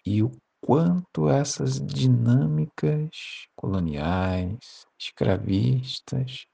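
A young adult man, a historian, explaining in a measured academic way. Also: on the low side, creaky, warm tone, husky. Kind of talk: explanatory interview clip.

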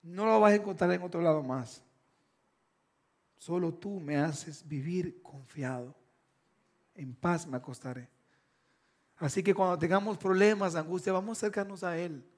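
With a high voice, a man preaches a sermon full of emphatic, repeated phrases. He swings between loud bursts and hushed, slow lines.

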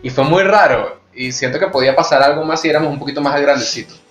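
His voice is on the high side and a bit bright, and he talks fast. This Venezuelan host keeps the chat casual and candid, telling his stories with frankness and animation against faint music in an echoey room.

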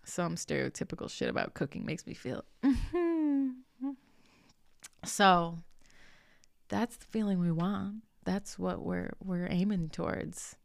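Gravelly-voiced woman, chatty and earnest. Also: lowish voice, big pitch swings, unhurried, no echo, studio quality. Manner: chatty, earnest, drops into soft whispers, swears casually. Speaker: podcast host, spiritual coach. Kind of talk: casual motivational monologue.

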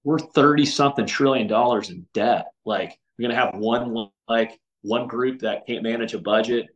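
A man's voice: mid-range voice, normal speed, muffled recording. A man as a podcast guest, talking earnestly in casual conversation with frequent restarts and filler words.

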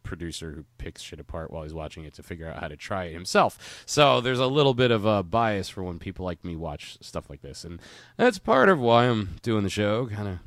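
A man hosting a podcast, talking in an excited, rambling way and swearing often. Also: deep voice, a little fast, no echo, clean studio sound. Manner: enthusiastic, rambling, swears a lot. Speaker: podcast host. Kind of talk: casual podcast chat.

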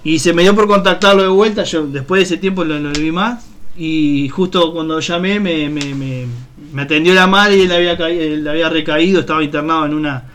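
A man with a Uruguayan Spanish accent, a radio co-host, tells a personal story on air. His voice is a little high and a bit bright, and he talks fairly quickly, rambling with plenty of fillers and restarts.

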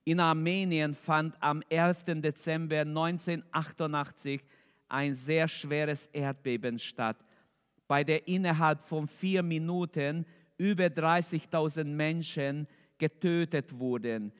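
High-voiced preacher in an echoey hall. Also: male voice, fairly even intonation, clean tone. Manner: slow, emphatic preaching, rising in fervor toward the appeal. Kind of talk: sermon. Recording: echoey hall with long reverb.

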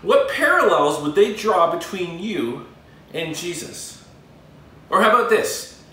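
A male pastor giving a sermon with earnest, emphatic pauses. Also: high voice, animated, bright, forceful tone. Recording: very echoey room, voice from a distance.

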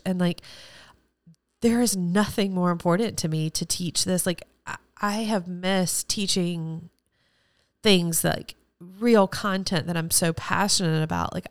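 A former teacher hosts her own podcast, talking alone in an effusive, rambling, emotional solo monologue. Her lowish voice is smooth, with no echo.

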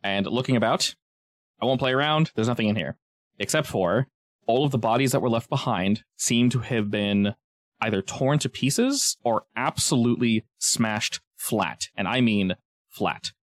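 A man running a tabletop game, improvising casual, descriptive narration and pausing to search for words. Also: medium pitch, dry recording, clean studio sound. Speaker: game master.

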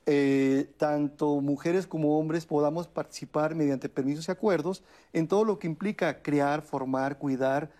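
A man speaks in a mellow, warm tone, pitched a little higher than most men. He talks thoughtfully, pausing on fillers and restarting phrases as he explains. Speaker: guest speaker on a family talk show. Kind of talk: conversational explanation.

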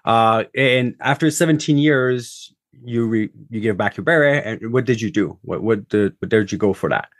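Guy hosting a podcast, chatty and stumbly, dry close sound, middle pitch. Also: moderate pace, no echo. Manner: chatty, restarts and stumbles, upbeat. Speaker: podcast host. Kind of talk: casual interview hosting.

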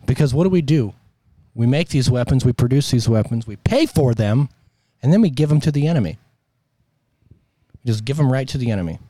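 A man's voice: medium pitch, lively intonation, a little fast, pauses often, dark tone, no room sound, rough recording. An American man with a sore throat, delivering an opinionated political monologue in an emphatic, exasperated, colloquial way. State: sore throat with coughing and throat clearing. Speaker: host of a political commentary show.

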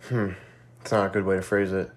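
A young man talks by himself on his own podcast in a lowish, stuffed-up voice, still slightly out of breath. His delivery is flat and brisk as he rambles loosely and reflectively, dropping in plenty of fillers and the occasional casual swear word.

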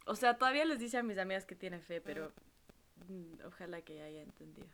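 A woman's voice: on the low side, animated, a little fast, a bit bright. A young adult woman telling a funny personal story in a casual chat, laughing often and dropping in English slang.

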